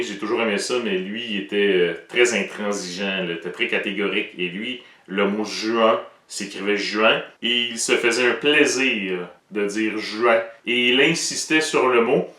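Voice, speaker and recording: A man's voice: medium pitch, pushed and bright, roomy sound, distant mic. A man with a Québécois French accent, explaining pronunciation in a playful, joking way as the presenter of an educational show.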